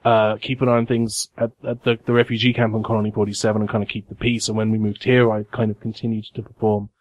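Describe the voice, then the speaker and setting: A man's voice: lowish voice, little pitch movement, quick pace, no room sound, highs cut off, natural voice. Man doing a jittery, stammering detective. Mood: anxious. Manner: stammering, apologetic. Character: nervous flustered male detective character.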